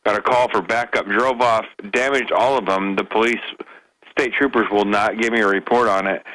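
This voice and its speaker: A male caller tells his story casually on talk radio. His voice is on the low side and bright, with a forceful edge and a dry sound. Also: steady tone, moderate pace, no echo, poor audio. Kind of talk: casual personal account on a call-in.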